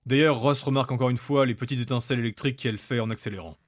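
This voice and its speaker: A man's voice: mid-range voice, steady tone, very fast, dry recording. A man reading scripted narration for a fantasy audio story.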